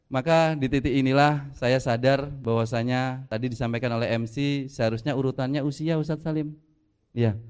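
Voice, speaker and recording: A man preaching to a mosque congregation, lively and joking, building his points with rhythmic repetition. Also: medium pitch, clear, resonant tone. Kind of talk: sermon at a mosque gathering.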